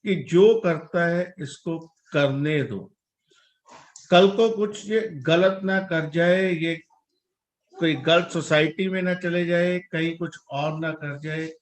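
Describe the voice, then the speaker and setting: Slow and fairly high-pitched, an Indian father in his forties talks as a guest in a casual conversation, earnest and thoughtful, with English words sprinkled into his speech. The recording has a roomy sound.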